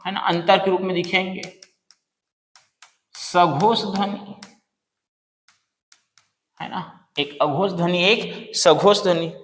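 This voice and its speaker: A man with a fairly high voice teaches a grammar lesson in a roomy space with long reverb. He keeps quizzing his class and answers each question himself, repeating the key terms again and again. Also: fairly bright tone.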